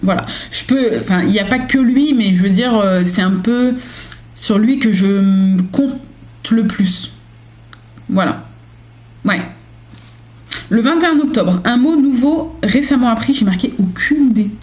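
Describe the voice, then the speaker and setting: A woman's voice: fairly high pitch, a little slow, long pauses, darkish tone. A young woman chatting casually on her home vlog, reading daily journal questions and answering them with lots of fillers and self-mocking asides. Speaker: vlogger.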